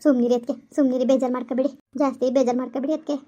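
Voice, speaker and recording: A woman's voice: sits high, flat delivery, racing, dark tone, pitched below the performer's own voice. A woman voicing a young woman who keeps comforting her sister-in-law, with soothing, repeated reassurances. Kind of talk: animated story voice-over. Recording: lo-fi, dull voice-over.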